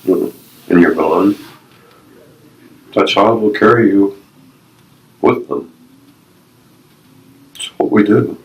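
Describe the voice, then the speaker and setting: Speaking slowly with long pauses in a low-pitched voice, a man in his fifties, a retired Navy veteran, is interviewed on a low-quality recording. He earnestly offers personal stories and life advice, using short, emphatic phrases he repeats.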